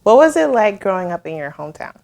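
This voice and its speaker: A woman hosting a podcast, asking short interview questions and giving soft backchannel replies. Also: medium pitch, sing-song, fast, creaky. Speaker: podcast host.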